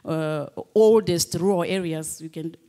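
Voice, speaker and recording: A woman's voice: lowish voice, unhurried, dark tone. Chatty Zimbabwean woman telling a story. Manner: chatty, laughs often, rambling. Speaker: audience member. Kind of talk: telling a personal story at a public panel. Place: large hall with an audience. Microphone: handheld microphone.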